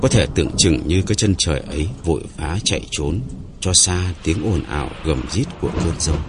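A man narrating an audiobook story in a measured, dramatic reading. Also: rumbling low, noisy background.

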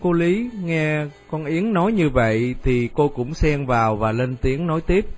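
A man's voice: fairly high pitch, expressive, a little slow, faint music behind. Man narrating a story.

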